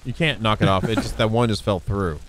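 A man's voice: on the low side, fairly quick, fairly bright tone, a little hiss or hum, rough recording. A man hosting a co-op survival game, bantering in a teasing, bossy, playfully mocking way. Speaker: host playing a co-op survival game. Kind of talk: casual let's-play banter.

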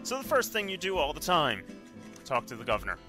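A man's voice: on the high side, wildly swooping pitch, a little fast, over music. A man casually commenting on his own gameplay, rambling and correcting himself as he goes. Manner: rambling, self-correcting, offhand. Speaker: let's play commentator.

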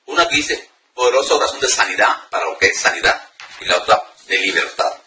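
A man's voice: mid-range voice, animated, brisk, pushed and bright. A man preaching informally, teaching spiritual warfare prayers and speaking straight to the listener, earnest and repetitive with many restarts and fillers. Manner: addresses the listener directly. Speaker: deliverance preacher. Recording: roomy sound, mic far off, faint noise.

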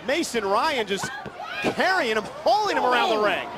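A man giving excitable, projected live play-by-play wrestling commentary as a broadcast commentator. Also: extremely high pitch, moderate pace, very noisy. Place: large indoor arena. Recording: loud roaring arena crowd behind. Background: loud crowd and ring slams.

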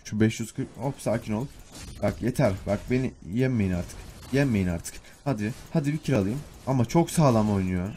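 Young male gaming YouTuber, lowish warm voice, loose self-mocking play-by-play. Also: normal speed, slight background noise. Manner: chatty, self-mocking, muttering to himself while playing. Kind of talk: casual gameplay commentary.

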